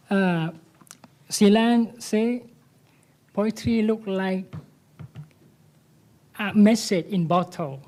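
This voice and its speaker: A writer from Thailand whose first language is Malay speaks on a panel discussion in halting, broken English with many restarts. His voice is high with a dark tone, and he talks slowly.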